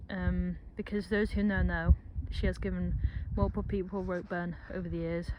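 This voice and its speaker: A woman's voice: lowish voice, flat delivery, moderate pace. A young woman chatting casually while she films her stable yard, rambling with joking asides. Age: young adult. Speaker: vlogger at a horse yard. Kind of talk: casual vlog narration. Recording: outdoor background noise.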